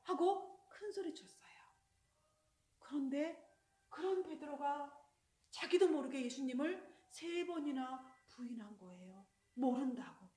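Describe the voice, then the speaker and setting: A woman telling a children's sermon story in an animated way, addressing the children directly. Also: sits high, unhurried. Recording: roomy echo.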